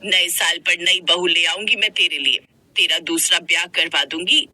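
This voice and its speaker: A woman's voice: on the low side, steady tone, moderate pace, pushed and bright, no echo. A woman voicing a spiteful old grandmother in a cartoon story, with harsh, contemptuous scolding. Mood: scornful.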